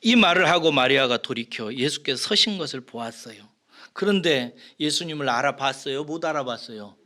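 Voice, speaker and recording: Bright-voiced male pastor preaching. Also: medium pitch, expressive, brisk. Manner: conversational preaching, asks the congregation questions and answers them; swings between loud emphasis and soft whispered lines. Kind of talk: expository sermon.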